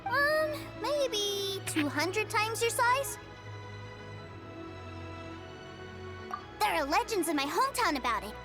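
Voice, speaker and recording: Innocent small boy for a game: childish, wide-eyed, boastful, very high, lively intonation. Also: unhurried, heavily acted. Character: innocent, eager little boy who adores his big brother. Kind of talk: video game character acting. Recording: loud game music behind the voice.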